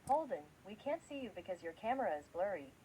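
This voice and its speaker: A woman's voice: medium pitch, big pitch swings, quick pace, warm tone, a little hiss or hum, close to an everyday voice, rough recording. A woman voicing a mischievous schoolgirl who plays tricks in an online class. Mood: sly. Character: mischievous schoolgirl pulling pranks.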